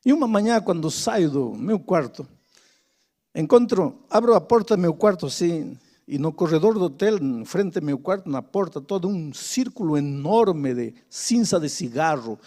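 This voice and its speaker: An older male preacher giving a sermon, moving from loud, impassioned exhortation to quiet, hushed storytelling. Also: on the high side, animated, normal speed.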